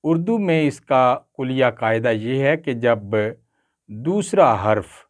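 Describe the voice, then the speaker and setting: Male Urdu pronunciation teacher, very slow, careful drawn-out enunciation, mid-pitched. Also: animated. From Pakistan. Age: older. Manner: careful, drawn-out enunciation with frequent hesitation sounds. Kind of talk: slow, deliberate pronunciation lesson.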